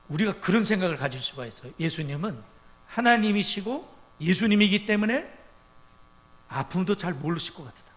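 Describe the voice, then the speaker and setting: A male pastor preaching a sermon in a church, with emphatic loud rises and quiet drops. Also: a little high. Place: church sanctuary. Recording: church sanctuary with long reverb.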